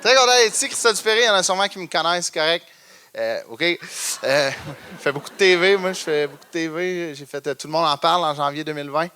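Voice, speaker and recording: A young male stand-up comedian with a Québécois accent, his voice sitting a touch high and ringing bright. He mocks himself and chuckles between lines as he acts out little scenes on stage. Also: expressive, quick pace, smooth. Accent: Québécois French.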